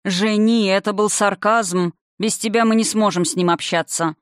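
A reader voicing the spirit of an older father, calm and condescending, who lectures with mocking haughtiness in an audiobook. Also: high-pitched, moderate pace, smooth, no echo, studio quality, close to an everyday voice. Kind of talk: audiobook character reading.

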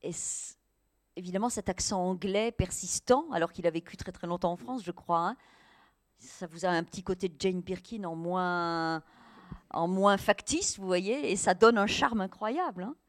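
A woman's voice: lowish voice, moderate pace. Fields: Sex: woman. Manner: hesitant, filler-heavy. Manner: hesitant, many fillers, lively emphasis. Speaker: writer and guest. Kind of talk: radio interview conversation.

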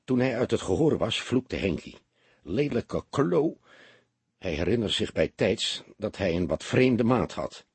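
A man narrating a detective audiobook in an expressive storytelling manner. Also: lowish voice, moderate pace, hardly any pauses, husky, dry recording.

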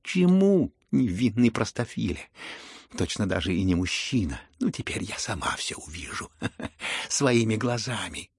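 A man voicing a hot-tempered, imperious older noblewoman in an audiobook, with sharp scolding outbursts and a gravelly, husky voice. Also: fairly low pitch, lively intonation, moderate pace, dry recording. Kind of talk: audiobook character reading.

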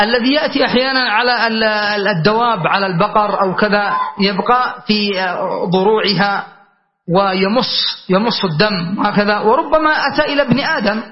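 A man's voice: high-pitched, moderate pace. A man teaching a classical grammar lesson, explaining patiently and checking in with his students. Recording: dull lo-fi recording.

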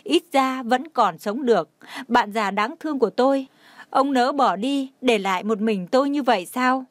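A woman's voice: on the high side, normal speed, no room sound, voice pushed up, natural voice. A woman voicing a bitter widow in her sixties, wailing and hurling furious accusations.

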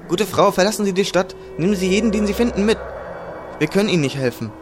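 A man's voice: high voice, lively intonation, fast talker, noisy background, pitched above the performer's own voice. A man doing a curt young soldier. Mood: firm.

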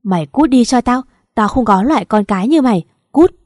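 A woman reads as an enraged old father shouting from his sickbed in a storybook audio drama, the voice mellow and dark. The delivery is loud and harsh, and the sound is dry and close with no room around it. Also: on the high side, expressive, a little fast, no echo. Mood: furious. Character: furious bedridden old father disowning daughter.

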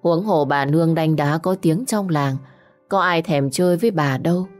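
A woman with a low voice reads a village tale at a measured, dramatic pace. Her delivery slows down at the grim turns of the story. Faint music plays under her narration. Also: a little mellow. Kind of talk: scripted audio story narration.

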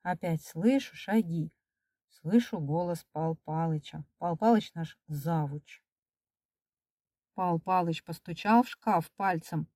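A woman's voice: fairly low pitch, takes it slowly, warm tone, dry recording, studio quality, recorded from a distance. Woman reading children's stories aloud. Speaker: storyteller.

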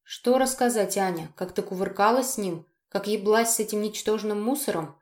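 A woman reading the lines of a furious, jealous young man with a hoarse, growling voice, in a roomy echo. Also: medium pitch, normal speed, a little mellow, natural voice. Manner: snarling threats through clenched teeth.

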